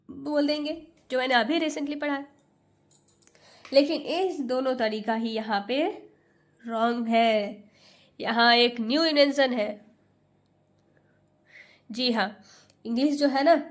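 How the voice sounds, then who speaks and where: A woman teaching English pronunciation in Hindi, sounding out each letter and patiently repeating every word. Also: sits high. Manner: sounds out letters slowly, one by one. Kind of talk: Hindi phonics lesson.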